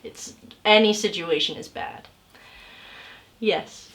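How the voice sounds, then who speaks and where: A woman's voice: mid-range voice, takes it slowly, crowd noise. A young woman, a cast member, chatting casually in a group with lots of giggling and playful rambling.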